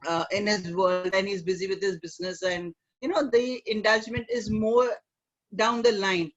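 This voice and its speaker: Middle-aged Indian-accented woman, dull lo-fi audio. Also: mid-range voice. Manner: halting, with frequent "you know" tags. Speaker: guest, image consultant. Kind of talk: conversational interview. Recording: dull lo-fi online call audio.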